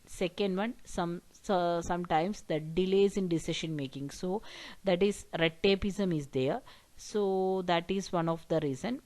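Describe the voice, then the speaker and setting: A woman's voice: fairly low pitch, darkish tone, rough recording. A woman teaching an exam revision lecture, explaining step by step and often checking in with "okay" and "right".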